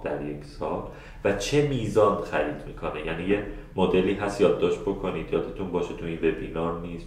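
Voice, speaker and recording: In a live online lesson, the male instructor talks in a slightly low voice, loosely and chattily, with frequent filler noises and restarts. Speaking right to his listeners, he takes and answers their questions. The sound is captured by a computer mic in a room with a lot of echo.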